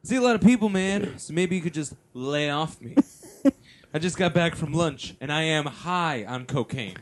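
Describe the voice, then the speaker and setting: A man's voice: a little high, measured pace, close to an everyday voice. A man playing a dismissive, spaced-out tech store attendant in a comedy script, brusque and casual. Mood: dismissive, wired.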